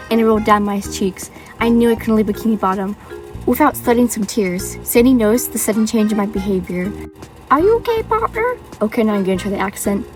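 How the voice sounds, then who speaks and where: A woman casually reading fan fiction aloud, soft-voiced, with joking asides and stumbles, and music behind. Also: on the high side.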